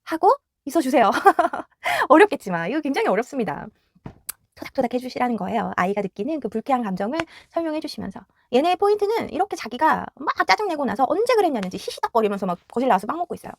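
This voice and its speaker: A woman's voice: high voice, sing-song, quick pace. A woman giving parents a direct, instructive talk on child rearing, acting out home scenes as she goes. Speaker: parenting educator.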